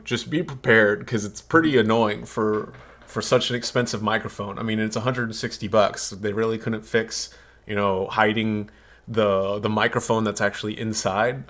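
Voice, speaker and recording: A man's voice: fairly low pitch, a bit bright. A man giving a casual, candid review of a product, talking in a chatty way with blunt opinions, into a desktop USB condenser microphone.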